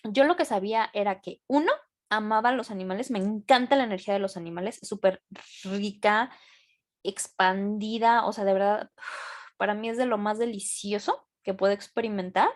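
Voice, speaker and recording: A woman's voice: mid-range voice, moderate pace. A young adult woman with a Mexican accent hosting a casual class, talking with enthusiasm and plenty of slang. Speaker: host of a membership session.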